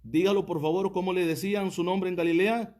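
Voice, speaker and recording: A male pastor, his voice sitting a little high for a man. He preaches a livestreamed teaching sermon and keeps pressing his listeners with rhetorical questions. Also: fairly even intonation, brisk, darkish tone. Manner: asks the audience many rhetorical questions; reads out viewer comments.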